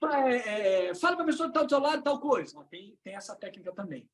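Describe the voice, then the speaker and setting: A Brazilian-accented woman leads an online coaching talk for would-be trainers and speakers. Her voice sits a little high and leaps up and down in pitch. She punches some phrases out loudly and then drops to a hushed low. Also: fairly quick. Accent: Brazilian Portuguese. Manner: animated, swings between loud emphasis and hushed lows.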